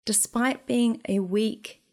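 A woman's voice: a little high, steady tone, slow. A young woman reading her own memoir aloud in a dry, wry storytelling manner. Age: young adult. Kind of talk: memoir narration.

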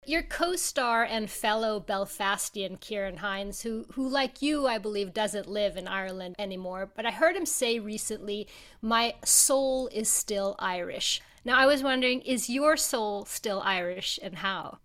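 A woman hosting an interview, asking her guest measured questions. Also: medium pitch, lively intonation, fairly bright tone. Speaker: show host.

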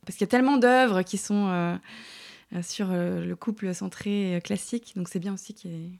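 A woman's voice: mid-range voice, fairly even intonation, brisk, creaky, a little mellow. A woman in her thirties chatting as a podcast guest, with many fillers and words that trail off to near-whispers. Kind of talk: casual interview chat.

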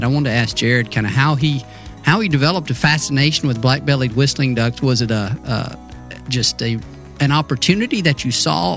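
Conversational male interviewer with a medium-pitched voice. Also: a bit bright. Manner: informal, halting, roundabout questioning. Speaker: podcast host, interviewer.

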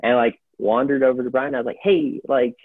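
A man's voice: medium pitch, little pitch movement, rapid-fire, no room sound. A man telling a long story as a podcast guest. He talks in a loose, rambling way and uses a lot of fillers. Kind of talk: casual storytelling. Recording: phone-like narrow sound.

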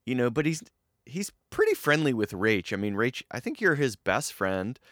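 A man's voice: mid-range voice, sing-song, normal speed, a bit bright, no echo, studio quality. A man hosting a comedy trivia podcast, bantering playfully in a theatrical, swooping manner. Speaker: podcast host.

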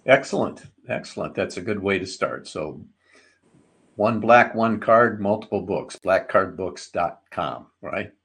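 A man hosting a business interview podcast, asking questions in a relaxed, folksy way with fillers. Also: sits low, unhurried. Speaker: podcast host.

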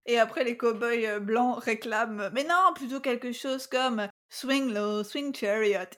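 A woman co-hosting a casual podcast about musicals, hesitant with many fillers and quick to laugh. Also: on the high side. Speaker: podcast co-host.

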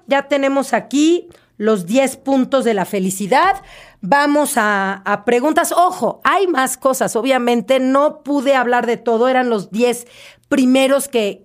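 A woman hosting an advice podcast, chatty and lively, with frequent asides and restarts. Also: fairly high pitch. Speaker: podcast host. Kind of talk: casual advice talk.

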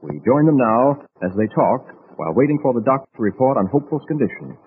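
A man's voice: medium pitch, sing-song, fast. A man narrating an old radio show serial in a suspenseful, theatrical 1940s style, heard on a dull vintage transcription with faint hiss. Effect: old radio show broadcast.

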